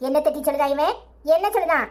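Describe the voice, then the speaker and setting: A woman plays a bossy old village grandmother in a cartoon, scolding her family in a Tirunelveli accent. Her voice is fairly high and sharp. She talks in short, commanding bursts. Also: fast, natural voice. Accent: Tirunelveli Tamil. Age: older. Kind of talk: cartoon voice acting.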